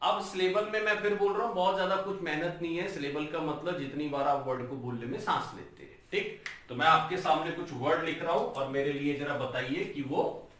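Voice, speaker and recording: A man teaching an English lesson, sounding out words slowly syllable by syllable and calling his viewers guys. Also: fairly high pitch, fairly bright tone, far from the mic, a little hiss or hum. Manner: breaks words into slow, drawn-out syllables, addresses viewers as guys. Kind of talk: classroom-style lesson on a whiteboard. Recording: very echoey room, voice from off-mic.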